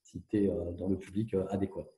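A man gives a candid interview in a low, very dark voice, talking fast and restarting often. He is heard through a hands-free kit that makes the sound echoey and muffled. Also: flat delivery. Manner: fast, tumbling speech with many hesitations and restarts. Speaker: interview guest.

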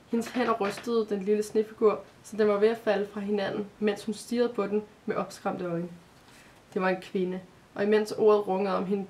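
A woman reading a children's Christmas story aloud in a calm, measured way, with the odd small restart. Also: medium pitch, slight background noise.

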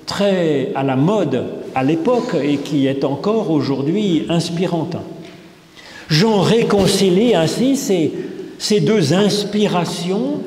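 Swiss french pastor preaching slow and careful, mellow voice, big echoey church. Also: male voice, a little high. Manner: measured, explanatory preaching with pauses. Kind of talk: sermon. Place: large church, indoors, at a pulpit. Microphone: pulpit microphone.

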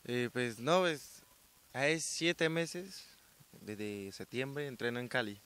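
Teen boy, from Colombia, hesitant, soft-spoken, smooth resonant voice, outdoors, handheld mic. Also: medium pitch, slow. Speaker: young weightlifter interviewee. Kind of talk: casual interview answers. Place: outdoors by a sports ground. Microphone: handheld reporter mic.

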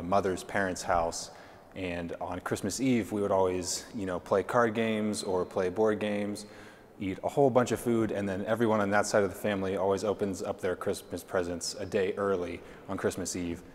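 A young man on the production staff, reminiscing unhurriedly with many fillers in a large indoor hall on a lapel mic. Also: deep voice. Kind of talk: casual reminiscing to camera. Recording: reverberant hall with faint hiss.

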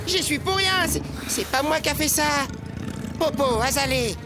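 A woman playing a naive, earnest young boy who herds animals in a French animated cartoon, hesitant when flustered. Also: high voice, moderate pace. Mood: anxious. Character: naive, earnest young boy herding beloved tame bison. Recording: music behind the voice.

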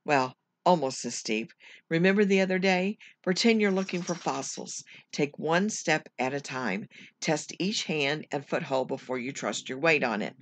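A teacher reading aloud voices a frightened girl on a cliff, talking herself into staying calm in firm, urgent bursts. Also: mid-range voice, normal speed, slight background noise, lightly acted. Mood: desperate resolve.

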